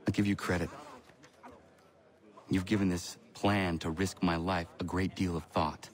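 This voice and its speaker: Stern, low-voiced imprisoned hero. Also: male voice, little pitch movement, a little slow. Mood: impatient. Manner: terse, serious, formal. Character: stern, earnest male hero held in prison. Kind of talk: video game dialogue acting.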